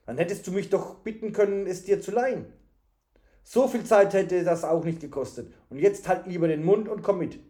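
A man reading aloud, voicing an angry male horse owner who scolds a suspected thief loudly. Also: sits high, moderate pace, voice pushed up, lightly acted. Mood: indignant. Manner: loud, scolding.

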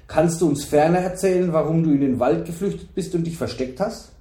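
A man's voice: fairly high pitch, a little fast, warm tone, reverberant, voice pushed up, lightly acted. A man reading the part of a young knight who presses hard with indignant questions in an audiobook. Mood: pressing.

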